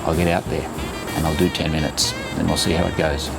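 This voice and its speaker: A man's voice: rumbling low, level tone, fairly quick, vocal fry, loud music behind the voice. A man in his sixties talking casually to camera as a running vlogger, chatty, instructive and reassuring as he shares tips. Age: 60s.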